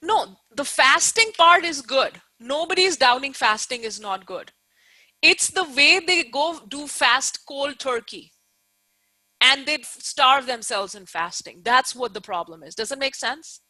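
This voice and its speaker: A woman's voice: high voice, lively intonation, measured pace, sharp tone, no room sound, low-quality recording. A woman teacher giving an informal live online lecture, explaining emphatically, repeating key points and often checking that listeners follow.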